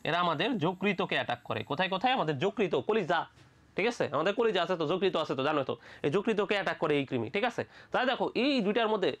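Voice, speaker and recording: A teacher from Bangladesh giving a lively medical admission biology lecture, repeating each question, answering it, and checking in with the students again and again. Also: medium pitch. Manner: colloquial, playful asides.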